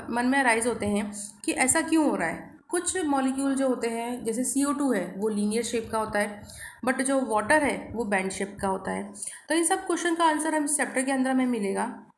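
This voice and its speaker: High-voiced Indian woman teaching chemistry. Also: reverberant, a little hiss or hum. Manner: asks questions and answers them herself, repeats key terms; mixes Hindi and English, addresses students as children. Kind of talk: classroom lecture.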